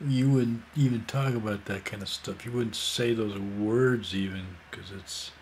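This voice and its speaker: A man's voice: fairly low pitch, steady tone, measured pace, darkish tone, a little hiss or hum. A man in his sixties telling a rambling, casual story full of fillers and asides. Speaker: vlogger.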